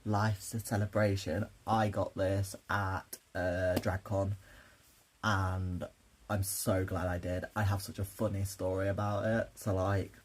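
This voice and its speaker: A man's voice: low-pitched, flat delivery, measured pace, a little hiss or hum, poor audio. A young man, a drag performer, chatting to camera in a rambling, sleepy, self-interrupting way about makeup. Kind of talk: casual chat to camera. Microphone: camera mic.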